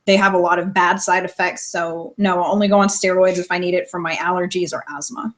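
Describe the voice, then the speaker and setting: A woman's voice: on the low side, steady tone, a little fast. Young woman, live stream host; plain-spoken, casual Q&A, laughs easily. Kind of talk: casual live stream chat, reading viewer questions.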